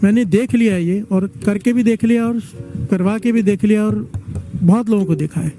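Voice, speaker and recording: A man's voice: sits high, moderate pace, dark tone, faint music behind. A man giving a devotional sermon, telling stories and urging the congregation to chant responses back to him. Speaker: preacher leading a devotional gathering.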